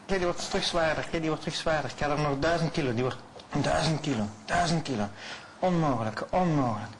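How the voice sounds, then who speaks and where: A man working as a stage hypnotist, repeating slow, soothing suggestions and often dropping his voice to a hush. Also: a little high, very noisy. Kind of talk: hypnosis show patter.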